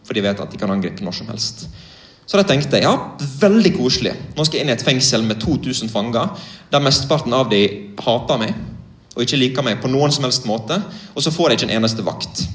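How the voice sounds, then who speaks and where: A man's voice: medium pitch, lively intonation, fairly bright tone, echoey room. A young man from Norway preaching, telling a vivid, earnest story in a direct way. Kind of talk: sermon testimony.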